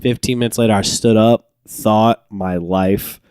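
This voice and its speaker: A young man with a fairly low voice tells a story on a podcast, lively and laughing, and often breaks into high squeaky impressions of what people said. He is recorded close and dry in a studio. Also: unhurried, clean tone, no room sound. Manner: animated, laughing, jumps into high-pitched quoted voices. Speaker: podcast co-host. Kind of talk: casual storytelling chat.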